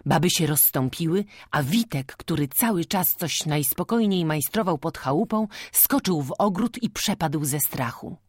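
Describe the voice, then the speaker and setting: A woman narrating a novel as an audiobook in a measured, even storytelling manner. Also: deep voice, husky, no echo, studio quality.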